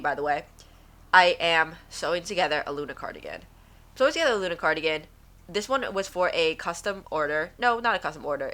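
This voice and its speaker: Speaking in a bright, forceful, somewhat low voice, this podcast host rambles through a casual chat from her home. Her nose is stuffed up, giving her words a nasal quality.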